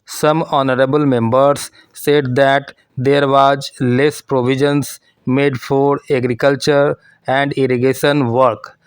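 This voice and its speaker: A man dictating a formal speech for shorthand practice, reading in measured short phrases as a dictation reader. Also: medium pitch, clear, resonant tone, dry recording.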